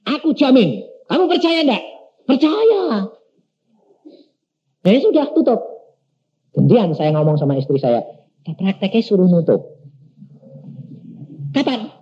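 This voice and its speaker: An older male preacher tells a sermon testimony, acting out both sides of a dialogue in shifting voices. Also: a little high. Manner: animated storytelling, acting out dialogue in changing voices. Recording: dull lo-fi sermon recording.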